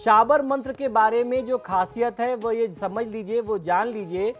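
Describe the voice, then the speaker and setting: A middle-aged man, an astrologer guest on a TV program, explaining devotional mantras in a measured way and chanting them slowly. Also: very high voice, fairly even intonation, faint music behind.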